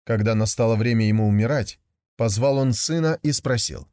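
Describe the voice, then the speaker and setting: A man narrating a fairy tale in an expressive storybook manner. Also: mid-range voice, moderate pace, no room sound, studio quality. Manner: expressive, animated reading.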